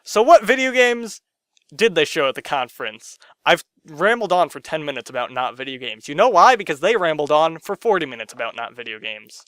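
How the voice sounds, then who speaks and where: Young man, gaming rant, bright forceful voice, smooth and crisp, dry close sound, loud bursts then mumbled asides. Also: fairly high pitch, big pitch swings, a little fast, no room sound. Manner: swings between loud outbursts and muttered asides, sarcastic, swears often. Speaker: gaming vlogger. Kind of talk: ranting to camera. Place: his own room.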